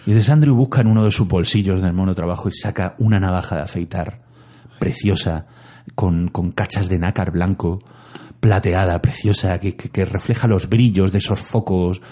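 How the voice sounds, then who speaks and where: Husky man telling a story. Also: deep voice, steady tone, normal speed, warm tone. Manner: jokey, dramatic retelling, acts out lines. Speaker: storyteller retelling a plot. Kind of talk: casual chat.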